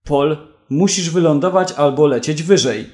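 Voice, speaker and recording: A man voicing a cocky young male smuggler who shouts urgently amid danger. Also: a little high, moderate pace, close to an everyday voice.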